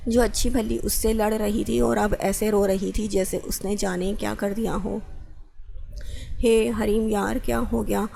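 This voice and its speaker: A woman's voice: medium pitch, gravelly, a little mellow. A woman reading a romance novel aloud, voicing both the lovers' lines with little change in her voice. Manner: reads dialogue of both characters with little change of voice.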